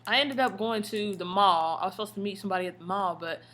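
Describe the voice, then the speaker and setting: An American woman telling stories in a casual, slangy vlog style, expressive and full of emphatic asides. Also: medium pitch, fast talker. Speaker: vlogger. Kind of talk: casual chatty storytelling vlog.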